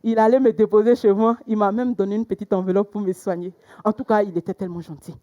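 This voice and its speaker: A young woman performing a stand-up comedy routine, telling stories with sudden loud exclamations. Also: medium pitch, fairly even intonation, fast talker, highs cut off. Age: young adult.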